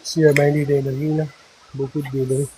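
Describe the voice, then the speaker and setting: A man's voice: medium pitch, flat delivery, fast, noisy background. A man with a Quebec French accent hosting a paranormal live stream from an abandoned hangar, chatting casually and putting questions to spirits.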